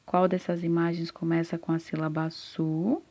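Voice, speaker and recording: A woman teaching literacy to first graders in a slow, patient lesson, sounding out syllables and answering her own questions. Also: fairly low pitch, little pitch movement, mellow. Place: classroom with a whiteboard. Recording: slightly dull, lo-fi sound.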